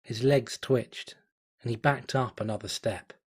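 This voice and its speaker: A man narrating a fan story at home, reading in a measured, dramatic way. His voice sits at an ordinary, mid-range male pitch. He lets the suspense build steadily from line to line. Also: fairly even intonation, husky. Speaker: fanfiction reader.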